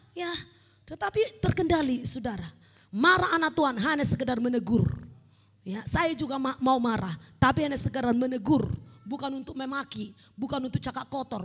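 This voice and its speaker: A woman preaching a fervent sermon with a North Sumatran Indonesian accent, swinging between shouting and quiet urging. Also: high-pitched, breathy edge. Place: church hall. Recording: long church hall reverb.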